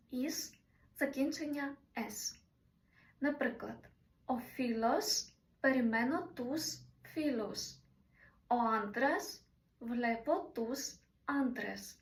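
A woman explains grammar patiently, pausing to spell out each example slowly and clearly. Her voice sits a little high, and the recording picks up the room with her set back from the mic. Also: reverberant, distant mic. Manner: slow, careful spelling-out of Greek examples. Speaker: Greek language teacher.

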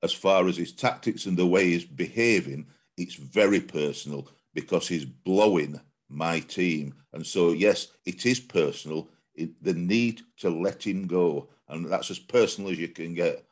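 A man's voice: deep voice, a little slow. A man co-hosting a casual football chat over a video call, blunt and emphatic, often stammering as he starts a sentence. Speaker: co-host.

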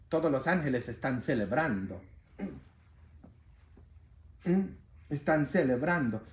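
A man preaching a sermon as a priest, playful and animated, with bursts of shouting. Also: fairly high pitch. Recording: roomy echo.

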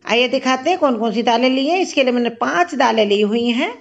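High-voiced woman narrating home cooking. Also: expressive, quick pace, creaky, dull audio. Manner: chatty, step-by-step explaining. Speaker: cooking channel host. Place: home kitchen.

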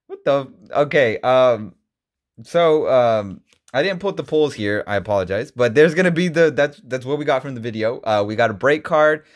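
A man in his thirties rambles casually while opening card packs, filling gaps with ums and restarting sentences. When something surprises him his voice leaps up. He is recorded indoors on a webcam with a desk mic. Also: a little high. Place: indoor room, seen on webcam.

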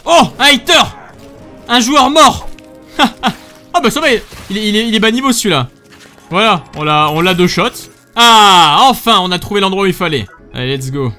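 Man, let's play commentary, high voice, swinging pitch, excitable, faint game music behind. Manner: excitable, swears and laughs often, loud yelps. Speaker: gamer commentating his own play.

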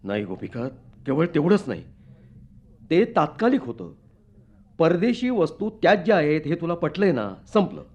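Fiery young revolutionary husband. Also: male voice, a little high, big pitch swings, normal speed, pauses often, husky, lo-fi sound. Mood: earnest. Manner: intense, declamatory, swings from hushed to fervent. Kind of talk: radio drama acting.

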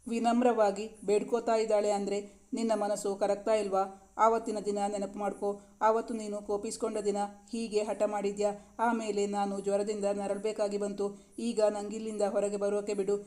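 ಮಹಿಳೆ ಆಡಿಸುವ ಹಠಮಾರಿ ಯುವ ಹೆಂಡತಿ. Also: female voice, mid-range voice, flat delivery, normal speed, warm tone, close to an everyday voice. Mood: pleading. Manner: pleading, insistent. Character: stubborn young wife pleading with her husband.

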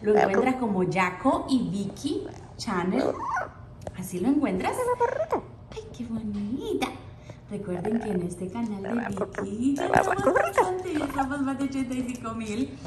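A woman's voice: on the high side, animated, unhurried. Cooing woman vlogger in an echoey room. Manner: coos affectionately at her parrot and cat. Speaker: pet vlogger, parrot owner. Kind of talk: casual vlog chat with pets. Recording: echoey room with loud background noise.

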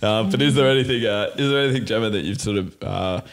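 A fairly low-voiced man hosting a sports podcast. He is chatty and relaxed, and he laughs easily between his phrases. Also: fast, vocal fry, a crowd in the background. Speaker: podcast host. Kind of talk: casual sports podcast chat.

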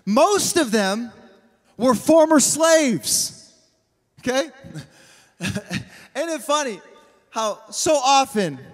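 A man in his thirties preaching on a large church stage into a handheld mic, animated and slangy, calling out to the crowd. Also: very high voice, very slow, pauses often. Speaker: pastor. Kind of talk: energetic sermon. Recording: reverberant hall.

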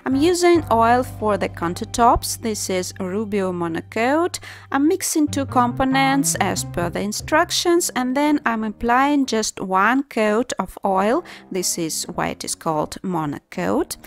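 Woman narrating a home DIY vlog. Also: fairly high pitch. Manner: plain, practical step-by-step explaining. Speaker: DIY channel host. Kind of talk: voice-over narration of a home renovation.

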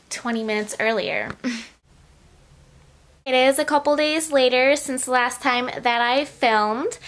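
Gushy girl doing a haul vlog, kinda high voice, lots of "like" and "oh my gosh". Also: fairly bright tone. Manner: chatty and gushing, with frequent "like" and "oh my gosh". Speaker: vlogger. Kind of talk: casual try-on haul vlog.

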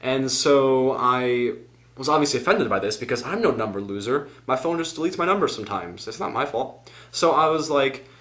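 Recorded on the camera's own mic, a teenage boy vlogger rambles through a casual home vlog, going off on tangents and poking fun at himself. His man's voice is mid-range, animated and fairly bright, at normal speed.

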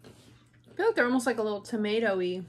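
Her mid-range voice is very animated and a little fast as she and a co-host sample and review snacks in a casual chat. She's an American woman in her thirties, chatty and enthusiastic, speaking between bites in an indoor room with a glitter backdrop. A little hiss or hum is audible.

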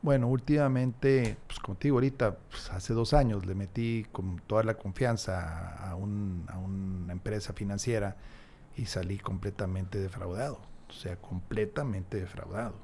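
Appearing as a guest on a podcast, this man in his 60s has a lowish, warm voice at normal speed. The casual interview chat finds him reflective and emphatic, often restarting, recorded on a large desk mic with headphones in a small studio that leaves a little hiss or hum.

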